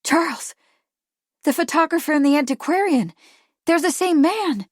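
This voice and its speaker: A woman's voice: fairly high pitch, normal speed, a little mellow, no room sound, clean studio sound, close to an everyday voice. A woman narrator voicing an anxious, determined young Victorian woman, speaking earnestly and urgently.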